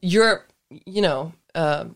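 A woman's voice: on the low side, slow pace, slight background noise. A woman co-hosting a podcast, chatting casually in a rambling, giggly way and swearing freely. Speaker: podcast co-host.

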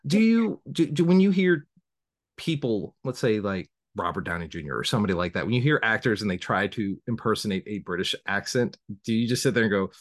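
A man's voice: on the low side, animated, a little fast, dry recording, studio quality. A man with a Southern US accent hosting a casual podcast interview, rambling and self-conscious with many restarts. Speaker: podcast host.

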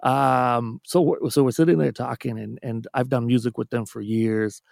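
Chatting casually as a podcast guest, a Canadian man who produces music spins long, self-deprecating stories and keeps restarting his sentences. He has a medium-pitched, creaky, slightly mellow voice with fairly even intonation and a moderate pace, recorded in a studio with no echo.

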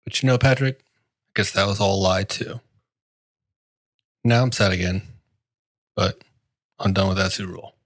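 A man with a husky, low voice riffs sarcastically on a sports podcast. His sound is dry and close, and his tone stays wry and grumbling. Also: fairly even intonation, measured pace, pauses often, fairly bright tone, no echo. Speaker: podcast co-host. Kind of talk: casual sports podcast chat.

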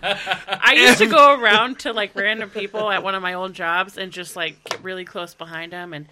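A woman's voice: mid-range voice, fairly even intonation, moderate pace, pushed and bright, slight background noise. A woman bantering casually with friends, blunt and joking, teasing crudely.

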